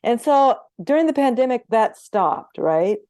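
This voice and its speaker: A woman's voice: on the high side, big pitch swings, a little slow, dark tone, dry recording, studio quality. A woman homeopath talking as a guest in an interview, chatty and earnest, acting out bits of conversations as she tells stories. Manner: chatty, earnest, re-enacts dialogue.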